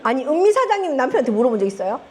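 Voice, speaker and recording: A middle-aged woman with a Gyeongsang Korean accent gives a lively talk to a seminar audience as a network marketing group leader, teasing them and asking them questions. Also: sits high, racing. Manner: animated, teasing, asks the audience often and laughs. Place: seminar room with a live audience.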